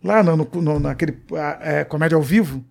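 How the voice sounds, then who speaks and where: A Brazilian man with a high voice tells a story in a relaxed interview. He swears freely and acts out the lines of the people in his tale, with lots of life in his delivery. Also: a little fast, gravelly. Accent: Brazilian Portuguese. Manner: profane, animated storyteller acting out quoted dialogue. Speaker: comedian guest.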